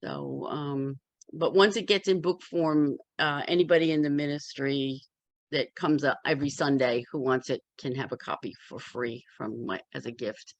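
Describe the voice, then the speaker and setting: A woman's voice: rumbling low, normal speed, dry recording. A woman chatting casually in a group as an author, with a candid, wry way of talking. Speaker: memoir author in a community discussion.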